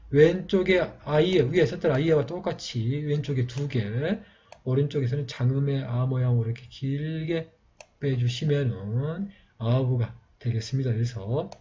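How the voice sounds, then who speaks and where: A man teaching a step-by-step writing lesson, pausing often with fillers and repeating himself as he demonstrates each stroke. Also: on the high side, dark tone, lo-fi sound. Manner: halting, with frequent fillers and repeated phrases. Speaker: calligraphy teacher.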